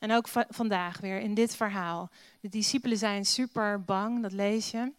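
A woman's voice: mid-range voice, steady tone, moderate pace, clear, resonant tone, no room sound. A woman preaching a sermon and reading Bible passages aloud, in a conversational way with many filler sounds and rhetorical questions.

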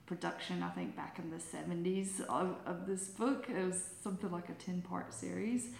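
Creaky-voiced woman with an Alabama accent. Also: on the low side, steady tone, moderate pace, a little mellow. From United States. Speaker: podcast panellist. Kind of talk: casual book chat on a podcast. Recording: roomy echo, faint background noise.

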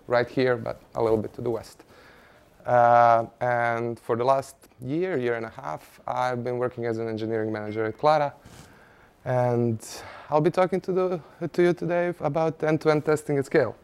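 A man presents a technical talk on a conference stage. His voice is smooth and clear, sitting at an ordinary middle pitch. He speaks conversationally, with light humor and frequent "uh" fillers. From Croatia. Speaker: conference speaker, engineering manager. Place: conference stage before an audience.

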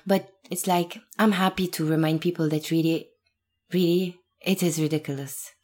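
Speaking at a normal speed with fairly even intonation, a Lebanese actress in her thirties uses a lowish, slightly mellow voice. She is an interview guest, reflective, earnest and emphatic, with the odd laugh.

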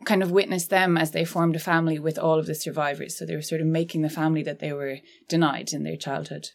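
A woman's voice: deep voice, steady tone, fast, vocal fry. A woman from Galway with a west of Ireland accent, talking reflectively and conversationally as a filmmaker being interviewed. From County Galway, Ireland. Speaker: documentary filmmaker, interview guest. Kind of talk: casual podcast interview.

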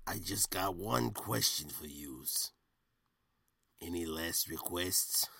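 A man voicing a menacing middle-aged mob boss who talks in a slow, streetwise gangster drawl in a comedic audio story. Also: deep voice, vocal fry, pushed and bright, slightly rough, dry recording, heavily acted.

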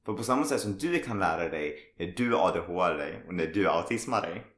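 A man hosting a podcast in casual conversation, telling stories animatedly and acting out what others say. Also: deep voice. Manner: animated storytelling, acts out others' remarks. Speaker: podcast host. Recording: roomy echo.

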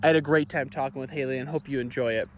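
A man opening his podcast with a quick, upbeat intro, recorded on a phone with poor audio quality. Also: fairly even intonation. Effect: low-quality phone recording. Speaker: podcast host.

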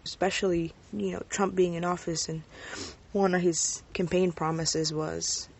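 A woman's voice: fairly low pitch, steady tone, a little slow, vocal fry, breathy edge. A woman in her twenties recording a casual, reflective personal audio letter from inside a bedroom closet. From United States, brought from Mexico as a child. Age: 20s. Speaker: university student exchanging audio letters. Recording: quiet closet home recording.

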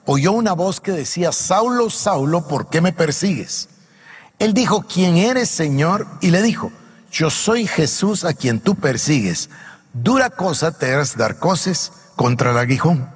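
Predicador ronco con voz algo aguda en sala con eco. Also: male voice, on the high side, lively intonation, a little slow, slightly rough, long reverb tail. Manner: reads Bible passages aloud then comments with emphatic questions to the congregation. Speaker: preacher. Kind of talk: sermon reading and explaining scripture.

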